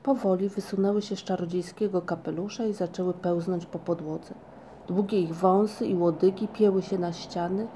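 A woman reading a children's storybook aloud as narrator, calm and even-paced. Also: on the low side, background noise.

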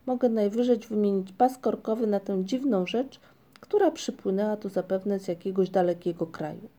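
A woman's voice: medium pitch, moderate pace, dark tone, close to an everyday voice. Woman voicing Moomin, a firm young troll. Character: young male troll, calm and decisive. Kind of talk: storybook reading.

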